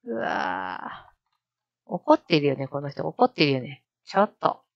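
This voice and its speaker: A woman streamer chatting casually to herself, slowly repeating practice sentences and musing aloud. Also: sits low, lively intonation, no echo, muffled recording. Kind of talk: casual live-stream commentary.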